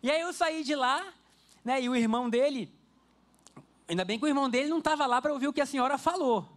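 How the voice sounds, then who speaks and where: A man's voice: very high-pitched, fast. A male pastor giving a conversational sermon in church, telling personal stories and speaking straight to the congregation. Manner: lively storyteller, speaks directly to the congregation. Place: church service before a congregation.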